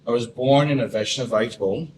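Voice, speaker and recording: A Trinidadian man gives a personal talk, telling his story with mounting animation. His voice sits at an ordinary pitch. It comes from some distance in an echoey room, with faint noise underneath. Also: moderate pace. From Trinidad and Tobago. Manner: storytelling, animated when recalling wonder.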